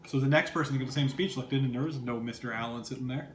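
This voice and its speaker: A man's voice: medium pitch, rapid-fire, a bit bright. A man co-hosting a casual chat, teasing his friend with dry interjections. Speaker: podcast co-host. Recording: echoey room with faint background noise.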